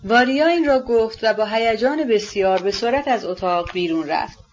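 A woman narrating a novel aloud in measured storytelling, on a dull recording. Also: fairly high pitch, a little hiss or hum. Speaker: audiobook narrator. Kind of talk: scripted narration.

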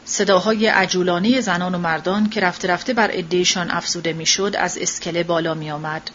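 A woman narrating a literary novel as an audiobook in a measured, even way. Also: fairly low pitch, highs cut off, a little hiss or hum.

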